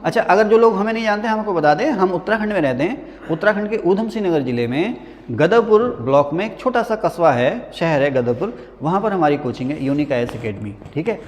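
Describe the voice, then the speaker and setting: A high-pitched man lectures on history to a class, asking a question and answering it himself as he goes. He chats and jokes with the students between points. His voice rings with a long reverb in the room. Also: lively intonation, brisk. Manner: repeats key answers as quiz-style questions. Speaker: history teacher at a coaching academy.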